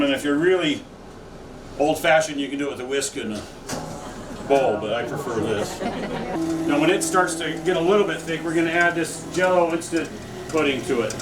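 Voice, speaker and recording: A man working as a chef gives an informal live cooking demonstration, explaining each step in a folksy, rambling, halting way. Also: fairly high pitch. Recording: echoey, noisy room, distant mic.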